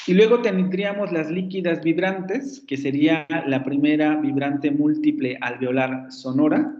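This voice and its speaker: A male phonetics professor with a Mexican Spanish accent, teaching an online class and explaining step by step, repeating example words slowly. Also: on the high side, fairly even intonation, darkish tone. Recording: echoey, muffled lo-fi class recording.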